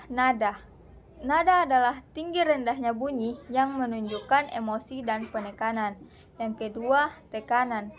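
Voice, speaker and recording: Young woman from Indonesia, student presenter, slightly high voice, measured read-aloud lesson delivery. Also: slight background noise. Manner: measured, deliberate reading with pauses.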